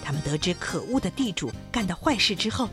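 A woman narrating a children's folk tale with an expressive, animated reading. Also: on the low side, fairly quick, over music. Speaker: storyteller.

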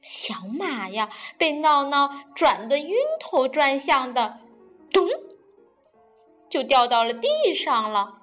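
Slow, playful female storyteller. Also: high voice, faint music behind. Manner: playful and animated. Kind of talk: children's storybook reading.

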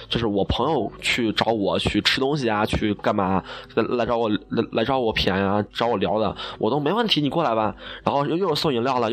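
A young broadcasting student from Xi'an, China, tells funny stories in a casual monologue, his voice on the low side and a little bright. He's chatty and self-mocking, laughing at his own jokes.

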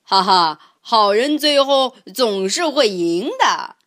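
A woman's voice: on the high side, expressive, slow pace, a bit bright, dry recording, clean studio sound, voice pushed down. Woman voicing a smug, bossy big tiger. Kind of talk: children's storybook reading.

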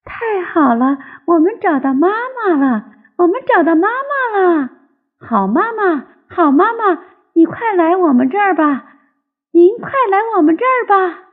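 An older woman voicing a chorus of eager little tadpoles, calling out in a high, squeaky voice. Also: expressive, slow pace. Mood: overjoyed. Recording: tinny phone-like lo-fi sound.

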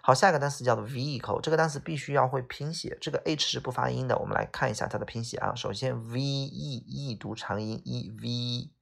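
Gravelly, husky male vocabulary teacher. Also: medium pitch, steady tone, fast talker, few pauses, fairly bright tone. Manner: casual explanations with everyday examples, frequent tag "OK啊". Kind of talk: explaining word by word to students.

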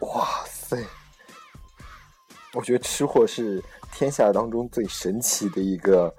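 Young male host, husky, hesitant, self-correcting, faint music bed. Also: fairly low pitch, moderate pace, dark tone. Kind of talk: casual chat on a podcast-style program.

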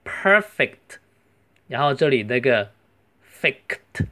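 A man, a native Chinese speaker, teaching English pronunciation in a beginner lesson, saying each word slowly and carefully. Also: mid-range voice, lively intonation, bright, forceful tone. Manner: slow, careful demonstration of English words. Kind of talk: language lesson explaining pronunciation.

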